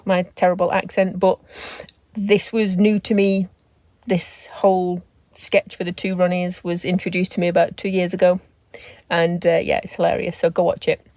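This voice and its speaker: A woman's voice: on the low side, flat delivery, moderate pace, a little mellow, dry recording. A woman chatting casually in a travel vlog, rambling and self-deprecating. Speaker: vlogger. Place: camper van and outdoors.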